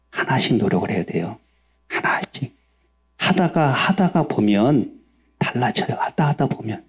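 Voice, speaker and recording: Man, pastor, sermon, husky voice, asks the congregation questions, acts out angry outbursts. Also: on the low side. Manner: animated preaching, acts out angry outbursts in a raised voice; asks the congregation questions and answers them himself.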